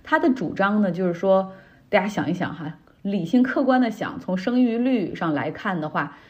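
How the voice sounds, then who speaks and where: A woman's voice: medium pitch, lively intonation, moderate pace, highs cut off. A woman hosting a podcast, explaining the news in a chatty, explanatory way with frequent tag particles. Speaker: podcast host. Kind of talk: casual news commentary.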